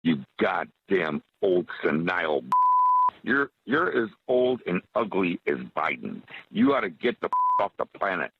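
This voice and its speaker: A man's voice: deep voice, wildly swooping pitch, measured pace, vocal fry, husky. A man leaving a hostile, threatening answering machine message in an abusive rant, recorded as a muffled voicemail. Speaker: anonymous caller. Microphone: telephone voicemail. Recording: muffled voicemail with censor bleeps.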